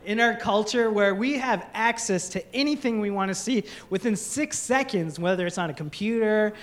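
A woman's voice: mid-range voice, moderate pace. A woman pastor giving a sermon, telling stories animatedly and acting out the voices. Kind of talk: sermon with storytelling.

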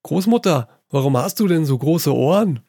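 A man's voice: on the high side, animated, moderate pace, dark tone, no echo, studio quality. A man voicing a curious little girl in a red cap, asking naive questions. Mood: wondering.

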